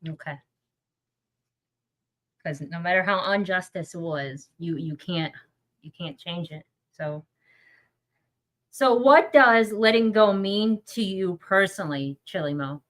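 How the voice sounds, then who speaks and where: A woman's voice: fairly low pitch, slow pace, pauses often. A woman hosting a podcast, asking questions in a casual group conversation with an informal, encouraging manner. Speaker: podcast host.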